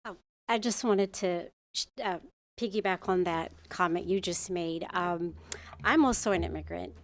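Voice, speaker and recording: A woman's voice: on the low side, normal speed. A woman from Ethiopia with an Ethiopian accent, an artist speaking earnestly at a public meeting and often searching for words. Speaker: muralist at a public commission meeting. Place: city council chamber.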